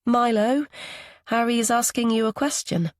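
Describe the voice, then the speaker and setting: A woman reading the part of a young mother, polite but guarded, quick to soften what she says. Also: on the high side, steady tone, no room sound, studio quality, pitched above the performer's own voice, natural voice.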